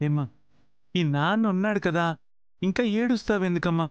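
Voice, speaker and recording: A man's voice: high-pitched, moderate pace, smooth, dry recording, muffled recording, lightly acted. An actor playing a kind, protective middle-aged father figure in a TV serial, speaking in a soothing, coaxing way. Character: kind fatherly older gentleman, protective and gentle. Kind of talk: TV serial acting.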